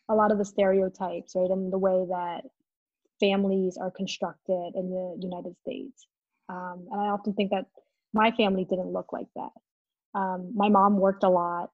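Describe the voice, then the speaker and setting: A woman from Vietnam, a guest in an interview, speaking reflectively with many pauses and ums. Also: mid-range voice, no room sound. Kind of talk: conversational interview. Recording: muffled, dull sound.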